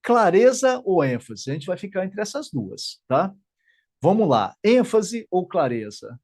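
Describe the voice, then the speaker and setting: A man's voice: high-pitched, very animated, a little slow, darkish tone. A man teaching an online exam-prep grammar class in Brazilian Portuguese, chatty and answering live student questions.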